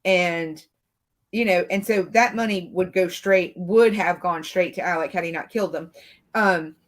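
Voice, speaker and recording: Speaking at length in an unhurried, lowish voice, a Southern American woman serves as a panel commentator in a casual true-crime discussion. She rambles and circles through her points, leaning heavily on filler like "you know."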